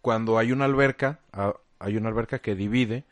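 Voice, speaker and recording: Mexican male co-host, deep-ish, crude storyteller, dry studio sound. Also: fairly quick, dry recording. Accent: Mexican Spanish. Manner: profane, joking, storytelling. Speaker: podcast co-host. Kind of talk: casual crude banter.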